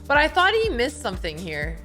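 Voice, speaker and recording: A woman's voice: on the high side, huge pitch swings, fairly quick, sharp tone, soft background music. A woman streaming live from a home room, thinking aloud about a chess game and questioning her own moves.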